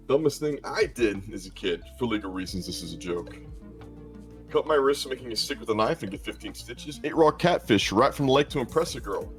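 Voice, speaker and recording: An esports caster from South Arkansas, USA, banters on a stream in a lowish voice, telling stories about himself. He jokes and mocks his own antics, with faint music playing underneath.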